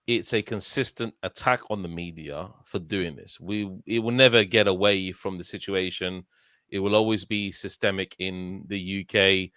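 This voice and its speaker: A young London man co-hosts a casual football podcast, speaking earnestly and rambling, often adding "yeah?" to his points and restarting sentences. His voice is low with a fairly bright, clean tone, captured in a dry, studio-quality recording.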